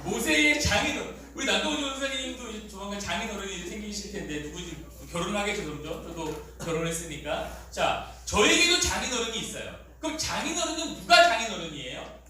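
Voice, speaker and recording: A man as youth pastor giving a lively sermon to middle schoolers in a church hall, animated and quizzing his listeners. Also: high-pitched, fast, recorded from a distance. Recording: echoey hall, voice off mic.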